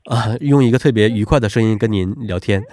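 A man's voice: on the low side, brisk, a little mellow. A man with a congested, stuffy nose hosting a radio phone interview in a polite, attentive manner. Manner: polite, attentive, echoes answers back. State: allergic rhinitis. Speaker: radio host.

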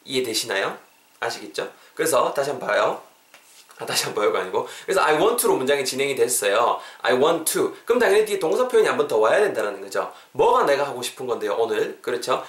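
A man runs a casual podcast English lesson, talking in a chatty, joking way that keeps drifting into asides. His pitch swings a lot, bouncing up and down through each explanation. He sounds slightly away from the mic, in a room with noticeable echo. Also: very animated, fast, fairly bright tone, far from the mic. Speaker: English teacher, podcast host.

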